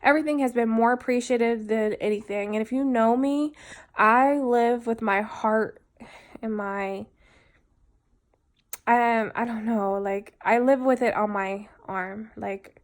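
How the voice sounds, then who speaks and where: A woman recording a personal video diary, speaking in a heartfelt, halting way with many pauses and fillers. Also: fairly high pitch. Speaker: vlogger.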